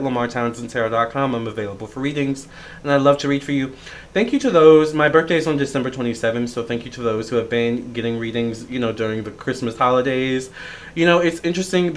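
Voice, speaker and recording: A thirty-year-old man sits and talks to his audience in a casual vlog, rambling and circling back with fillers and restarts. His voice sits at an ordinary middle pitch for a man. His tone is easygoing and reflective. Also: fairly bright tone. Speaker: tarot reader and astrologer.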